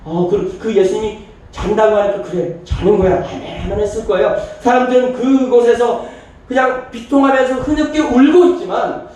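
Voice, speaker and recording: A man's voice: very high-pitched, a little mellow. A male pastor preaching a sermon and telling a story, acting out the people in it in their own voices. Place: church sanctuary. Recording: very echoey church hall from a distance.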